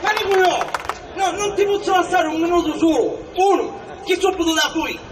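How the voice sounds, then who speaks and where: A man acting an excitable, scheming Sicilian village barber in a stage comedy, theatrical and exclamatory, in Sicilian dialect. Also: very high-pitched, fairly quick, crowd noise, background noise. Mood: indignant. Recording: echoey theatre stage, distant mic, audience.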